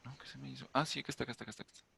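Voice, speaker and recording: A man's voice: mid-range voice, level tone, rapid-fire, gravelly, pushed and bright, a little hiss or hum. Chatty male online English teacher. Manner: chatty, explains with asides and rhetorical questions. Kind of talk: online class explanation. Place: online virtual class.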